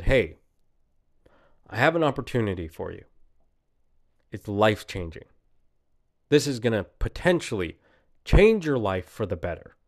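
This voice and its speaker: A man giving a casual, emphatic monologue, laughing often as he talks. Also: on the low side.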